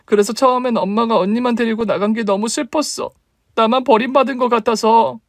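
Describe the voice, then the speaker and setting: A man's voice: very high-pitched, fairly quick, no room sound, studio quality, voice pushed up. A man doing a wounded young woman. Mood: earnest. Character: young woman, hurt younger sister, new mother. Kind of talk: radio drama reading.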